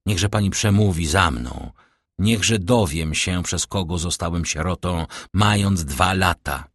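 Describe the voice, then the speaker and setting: Guy reading as a desperate young nobleman, begging and urgent, deep husky voice, dry audiobook sound. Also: a little slow, fairly bright tone, no echo. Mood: pleading. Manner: pleading, urgent. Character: distraught young nobleman seeking his father's killer.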